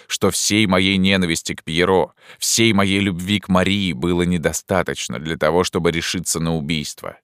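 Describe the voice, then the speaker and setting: A man narrating a first-person audiobook in a measured, dramatic reading, recorded close in a studio. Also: low-pitched, fairly bright tone, clear, resonant tone, dry recording.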